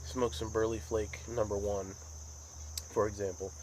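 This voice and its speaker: American male hobby vlogger, lowish voice, unhurried rambling chat, crickets and outdoor noise behind. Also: flat delivery, darkish tone, rough recording. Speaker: pipe tobacco vlogger. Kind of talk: casual rambling monologue.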